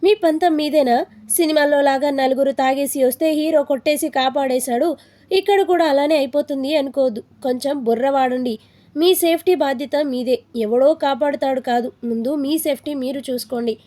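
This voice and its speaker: A bossy young man with a quick temper, voiced by a woman storyteller. He scolds in a stern, firm way. The voice sits high yet sounds soft and mellow. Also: natural voice. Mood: scolding.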